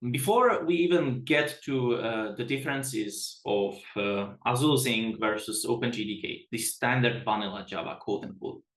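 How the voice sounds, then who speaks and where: A man from the Czech Republic presents in a webinar with a chatty, self-deprecating manner, often restarting his sentences. His voice sits at an ordinary pitch and carries a noticeable room echo. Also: moderate pace, hardly any pauses, fairly bright tone. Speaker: product management director.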